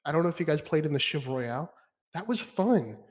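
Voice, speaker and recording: A young man on a podcast, ranting in casual chat, animated and swearing freely. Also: fairly high pitch, fairly quick. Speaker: podcast guest.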